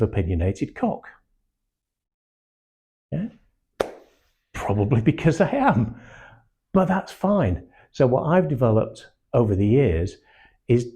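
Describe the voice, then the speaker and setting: Older English male trainer, husky and mellow, blunt and animated. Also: mid-range voice. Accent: hard-to-place English. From Manchester, England. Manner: blunt and animated, acts out quotes, swears casually. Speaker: sales trainer. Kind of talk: live training talk to a small group.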